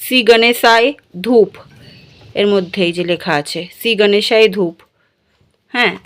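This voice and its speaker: A woman's voice: mid-range voice, a bit bright, a little hiss or hum. A woman in a casual vlog, talking straight to her viewers as she shows what she bought. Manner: chatty, addresses viewers directly. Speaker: vlogger.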